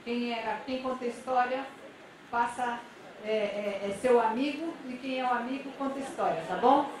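A woman's voice: on the high side, normal speed, slight background noise. A woman giving an interactive conference talk, speaking conversationally and often checking in with her audience. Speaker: lecturer at a public-sector conference. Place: large convention center auditorium. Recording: echoey hall, voice from a distance.

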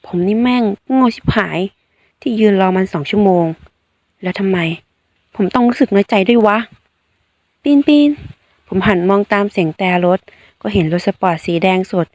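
A woman's voice: medium pitch, normal speed, long pauses, darkish tone, no echo, highs cut off. A woman reading a romance web novel aloud, narrating in a blunt, slangy first-person voice. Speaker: audiobook reader.

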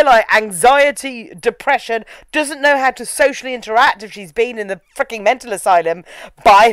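Sarcastic woman, animated. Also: on the high side, no room sound. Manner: sarcastic, animated, mimics characters in silly voices. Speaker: movie review co-host. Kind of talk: casual chat.

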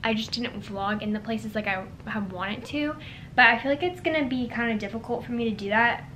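A woman's voice: on the high side, fairly quick, distant mic, background noise. A young woman chatting casually in her vlog, full of fillers and "like", filming on a handheld camera in her car and around a mall. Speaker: vlogger.

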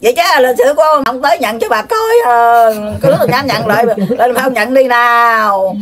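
An older woman with a Southern Vietnamese accent, rambling on in a lecturing, scolding way, full of drawn-out filler sounds. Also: on the high side, animated, a bit bright. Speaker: self-proclaimed spiritual elder receiving visitors. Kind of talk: rambling, preachy monologue.

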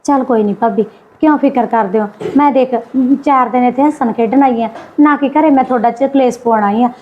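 A woman's voice: a little high, fairly quick, phone-quality sound, slight background noise, natural voice. A woman playing a patient mother who pleads and placates while defending her son. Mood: pleading. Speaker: visiting daughter and mother.

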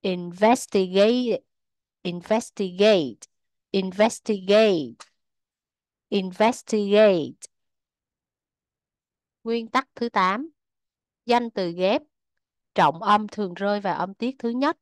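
A woman's voice: mid-range voice, measured pace, fairly bright tone, no echo. A woman with a Vietnamese accent reading out a pronunciation lesson, stating rules and then saying example words one by one. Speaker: English teacher.

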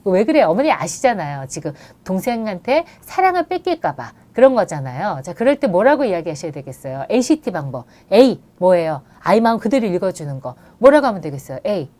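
A woman who works as a play therapist, answering parents' questions on a live broadcast. She explains step by step, often pausing on "uh," and puts questions to the listener. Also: mid-range voice, big pitch swings, warm tone. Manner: explanatory, poses questions to the listener and acts out sample lines; frequent "uh" fillers between phrases.

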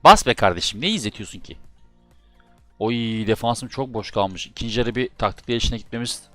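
A man doing live commentary over his own football video game match, often exasperated and shouting at his players and his keyboard. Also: mid-range voice, fairly quick, no room sound, faint music behind. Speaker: gaming YouTuber.

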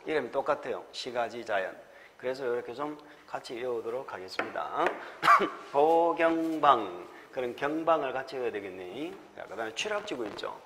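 A man's voice: mid-range voice, fairly bright tone, long reverb tail, slight background noise. A man with a Gyeongsang accent giving an exam-prep lecture, drilling mnemonics and chuckling often.

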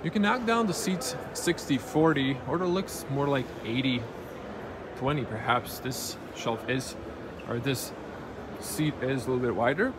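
A man reviewing a car as he walks around it, speaking in a middle-pitched voice and plainly pointing out features one by one. He is recorded on a handheld camera in an indoor show hall, with plenty of background noise from the show floor. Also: measured pace. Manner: plain, matter-of-fact pointing out of details. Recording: noisy auto show floor.

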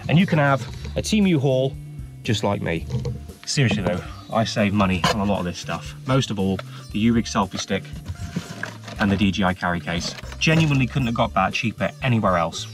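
Music plays under this casual vlog from a parked camper van, recorded on a mounted action camera. The speaker, an English-accented man in his thirties who lives the van life, has a lowish, expressive voice and talks a little fast in a cheerful, cheeky, chatty way.

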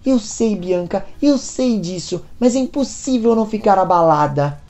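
A woman's voice: medium pitch, lively intonation, moderate pace, mellow, soft background music, lightly acted. Woman voicing an anguished soap-opera mother. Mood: distressed. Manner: pleading, distressed questions. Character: worried middle-aged mother and wife.

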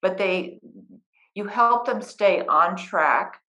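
Seated beside a guest on a couch at home, a middle-aged woman who coaches writers and edits explains her methods one step at a time, patient and practical. She speaks slowly in a mid-range, slightly bright voice, and the sound is dull.

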